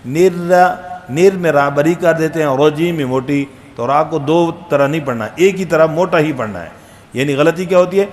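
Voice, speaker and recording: A man teaching a Quran recitation lesson, quizzing the students and calling out letter sounds loud and long. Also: a little high, slight background noise. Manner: drills letters aloud, loud and drawn out; asks students questions, jokes. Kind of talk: classroom tajweed lesson.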